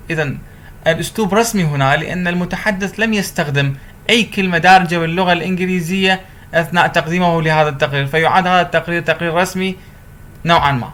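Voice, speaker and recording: Give me a man teaching a recorded interpreting lecture, a bit high-pitched, reading slowly and explaining quickly. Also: a bit bright. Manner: switches between slow deliberate English and quick Arabic explanation. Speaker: university translation lecturer.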